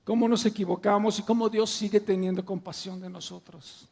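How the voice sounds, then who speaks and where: A man's voice: high voice, fairly even intonation, fairly quick, creaky, darkish tone. A man preaching a sermon with impassioned, emphatic swells and rhetorical questions to the congregation.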